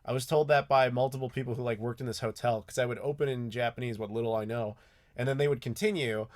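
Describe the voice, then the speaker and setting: An American YouTube host from the United States fields live chat questions casually, restarting often and saying um a lot. He speaks fast, with a medium pitch and steady tone. The audio comes from a desk mic, with mechanical keyboard clatter audible.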